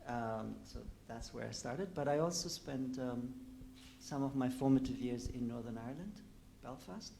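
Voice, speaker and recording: A man's voice: medium pitch, moderate pace, gravelly, warm tone, slight background noise. A man in his forties, born in Afghanistan, a panel guest speaking reflectively with many fillers. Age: 40s. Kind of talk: panel discussion.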